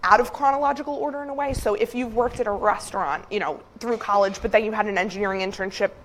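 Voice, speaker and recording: Woman talking to a class about resumes, friendly and chatty, lots of ums, mid pitch. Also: quick pace, a little hiss or hum. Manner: friendly, advice-giving, with frequent fillers. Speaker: career advisor speaking to students. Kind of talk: classroom presentation.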